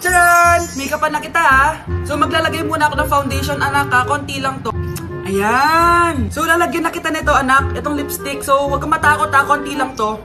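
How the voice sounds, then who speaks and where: A woman's voice: high voice, brisk, lightly acted. A woman playing a bossy, nagging mother in a comedy skit who orders her son around and scolds him. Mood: cheerful. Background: background music.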